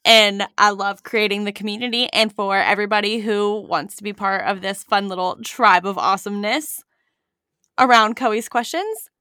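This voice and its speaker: A woman's voice: mid-range voice, moderate pace, bright, forceful tone, clean tone, dry recording, studio quality. A woman co-hosting a podcast, chatting and teasing her co-host as she wraps up the episode. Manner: chatty, teasing, upbeat sign-off. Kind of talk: casual podcast chat.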